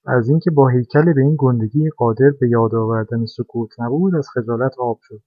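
A man narrating a children's storybook in a calm, expressive reading voice. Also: medium pitch, dry recording. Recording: dry, dull lo-fi recording.

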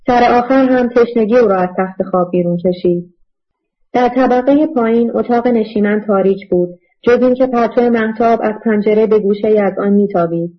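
A woman reading a novel aloud in steady, measured scripted narration, in a dull lo-fi audiobook recording. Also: a little high.

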